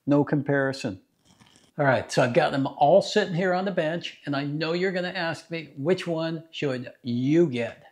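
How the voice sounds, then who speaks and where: A man in his fifties, a garage channel host, plainly demonstrating scan tools in his home garage. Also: a little high. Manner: plain, practical, unhurried explaining. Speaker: DIY mechanic channel host. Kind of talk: casual product demo.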